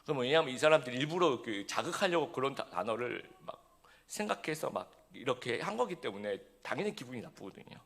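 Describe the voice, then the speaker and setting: A man's voice: mid-range voice, sing-song, quick pace, vocal fry, fairly bright tone. A man preaching a sermon as pastor, talking conversationally and checking in with the congregation through rhetorical questions.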